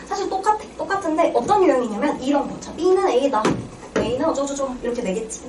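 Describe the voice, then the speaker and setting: A woman's voice: high-pitched, animated, fairly quick, a little mellow. A young woman giving an exam-prep reading lecture, quizzing her students and answering her own questions. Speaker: Korean reading tutor. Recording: roomy, distant mic with clear background noise.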